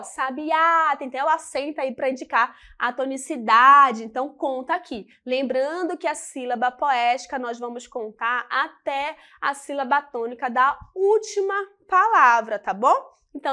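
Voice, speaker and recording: A woman's voice: sits high, a bit bright. A woman teacher with a Brazilian accent giving a classroom lesson, patiently counting things out and checking in with her students through frequent tag questions.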